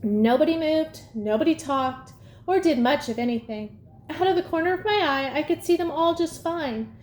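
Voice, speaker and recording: A woman reading a storybook aloud in a lively first-person telling. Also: high-pitched, moderate pace. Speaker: audiobook reader. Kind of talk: storybook narration. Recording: echoey room, faint ambience.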